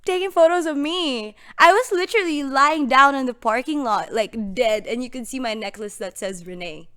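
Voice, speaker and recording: Her voice sits high and smooth, a bit bright, at normal speed: a young woman from the Philippines guesting on a podcast. Chatting casually in a Filipino accent, she shares stories animatedly, laughs in giggles and peppers everything with "like" and "literally".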